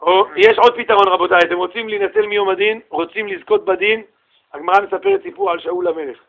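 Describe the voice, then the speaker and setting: A man giving a religious sermon in a casual slangy way, animated and acting out the people in his stories. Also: high voice, vocal fry, narrow, tinny audio, a crowd in the background. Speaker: religious lecturer. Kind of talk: Torah sermon told in street slang.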